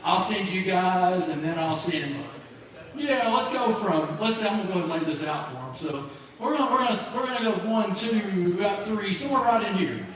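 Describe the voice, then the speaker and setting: A man's voice: sits high, expressive, moderate pace, a bit bright. A man hosting a live event, telling folksy jokes and acting out the voices in them, with lots of repeating. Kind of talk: live stand-up joke telling. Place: large room at live event. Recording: echoey live room from far off.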